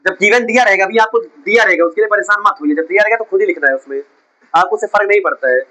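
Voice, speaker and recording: A man's voice: high voice, racing, pushed and bright, poor audio. A man teaching a chemistry class in a coaching centre, questioning and scolding his students as he explains.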